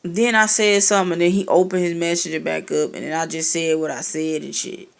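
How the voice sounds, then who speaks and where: A woman's voice: low-pitched, a little fast, vocal fry. A young woman telling a personal story in a casual, profane and sarcastic rant, acting out the exchanges. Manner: profane, sarcastic, animated retelling with quoted exchanges.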